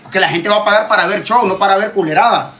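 Man, Honduran accent, high-pitched, heated casual rant, swears a lot, repeats himself. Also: fast talker, bright, forceful tone, a little hiss or hum. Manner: emphatic, repetitive, swears freely. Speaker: TikTok creator.

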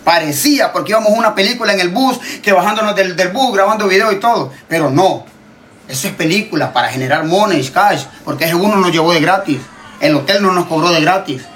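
A man's voice: high voice, lively intonation, fast, a bit bright, slight background noise. A Honduran man, a TikTok creator, ranting in casual chat, emphatic and repetitive, swearing freely. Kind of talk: heated casual rant.

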